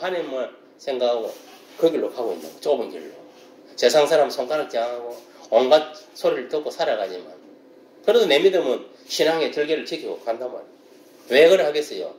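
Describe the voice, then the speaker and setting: A man's voice: mid-range voice, a little mellow, slight background noise. A man preaching a sermon, emphatic and asking the congregation rhetorical questions again and again. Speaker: pastor. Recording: echoey room.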